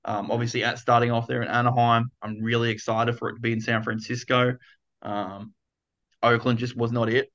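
Man, Australian accent, podcast guest, eager and rambling, mid pitch, muffled lo-fi audio. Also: flat delivery, fairly quick, fairly bright tone. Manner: enthusiastic, rambling. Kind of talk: casual interview chat.

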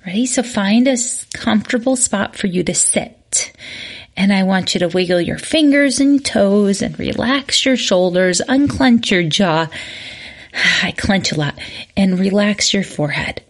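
Husky woman hosting a relaxation podcast. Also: mid-range voice, animated, unhurried. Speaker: podcast host. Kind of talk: casual explanation of a relaxation exercise.

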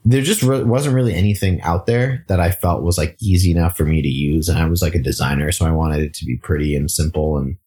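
A man's voice: extremely low pitch, fast talker, few pauses. A man who grew up in Singapore, a startup founder talking casually in an interview, full of fillers and restarts. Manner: relaxed, frequent fillers and restarts.

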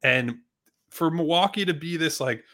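Bright, blunt man arguing sports. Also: a little high, moderate pace. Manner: blunt and emphatic, swears freely, lots of restarts. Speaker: sports podcast co-host. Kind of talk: casual sports debate.

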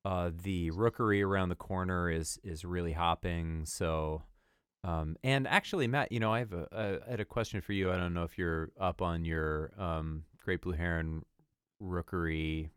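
A man's voice: sits low, moderate pace, smooth, no echo, studio quality. A man co-hosting a podcast, talking in an easygoing way with hesitant fillers. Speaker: podcast co-host. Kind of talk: casual chat.

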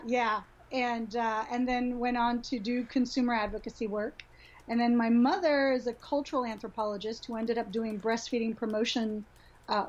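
Middle-aged woman from Honduras on a dull call. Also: a little high. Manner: warm-hearted, reflective, with frequent restarts and soft laughs. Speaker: guest, sexuality educator. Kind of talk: casual interview talk. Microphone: video call. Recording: dull lo-fi video call audio.

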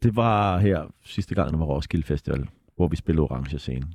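Deep, mellow man. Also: animated, husky. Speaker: guest musician. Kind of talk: casual chat.

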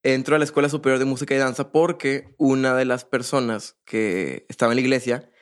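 A man's voice: mid-range voice, steady tone, brisk. A young man, a percussionist guest, telling his story in a casual, rambling way with many fillers and restarts.

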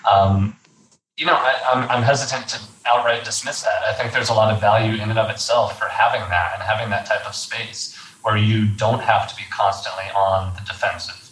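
A young man from Texas, a guest talking about activism in a casual interview, thoughtful and measured with frequent fillers. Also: fairly low pitch, fairly even intonation, a bit bright. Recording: roomy sound from a distant mic with faint background hiss.

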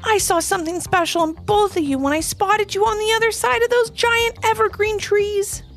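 A woman's voice: very high-pitched, fairly even intonation, normal speed, soft background music, pitched above the performer's own voice. A woman voicing Charlie, a small worried male forest guide with dramatic, breathless whispering. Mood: earnest.

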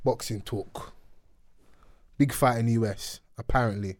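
Male host, London roadman accent, street slang, mid-pitched voice, casual chat, dry studio recording. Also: fairly even intonation, moderate pace, no room sound. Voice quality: roadman slang-heavy speech. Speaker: podcast host.

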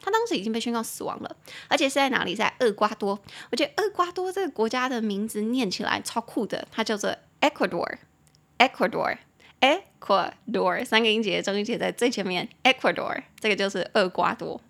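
A woman's voice: fairly high pitch, expressive, gravelly, fairly bright tone. Chatty Taiwanese woman teaching English. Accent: Taiwanese Mandarin. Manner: chatty, laughs often, slows down to spell and repeat English words. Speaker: English teacher and podcast host. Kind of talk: casual spoken English lesson.

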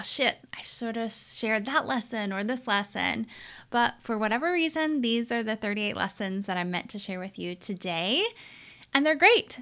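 A woman in her 30s with a high-ish, sharp-toned voice hosts her own podcast as a leadership coach. Alone at a studio mic, she talks in a candid, conversational monologue.

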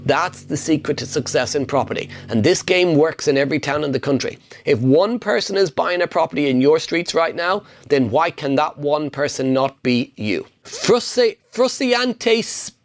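A middle-aged man hosts a casual Q&A, answering viewer questions about property investing in an upbeat, emphatic way with punchy repetition. His voice is a little high, with lively intonation and an unhurried pace.

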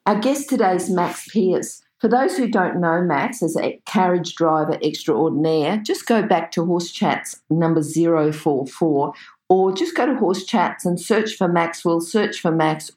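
A woman's voice: deep voice, darkish tone, roomy sound. A woman hosting an interview podcast, introducing the programme and speaking to listeners and her guest. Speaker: podcast host.

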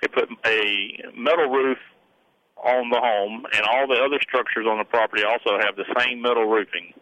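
A man's voice: mid-range voice, steady tone, moderate pace, pushed and bright, no echo, muffled recording. A man calling in to a radio show, describing his problem plainly and carefully. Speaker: caller.

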